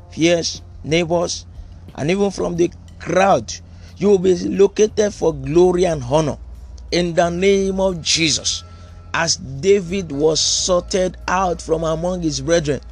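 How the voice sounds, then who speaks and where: A man preaching, giving forceful prophetic declarations over the listeners, repeating each phrase with emphasis. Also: a little high.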